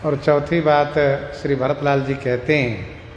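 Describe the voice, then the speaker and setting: A man giving a devotional scripture discourse, explaining verses slowly and repeating lines for emphasis. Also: medium pitch, steady tone. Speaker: scripture expounder. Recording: echoey hall with long reverb and faint noise.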